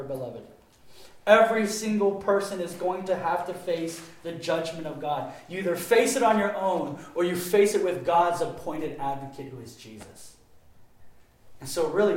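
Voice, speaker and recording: A man preaching a sermon with passion, his voice swinging between loud emphatic stretches and quieter ones. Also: a little high. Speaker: pastor. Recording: very echoey room.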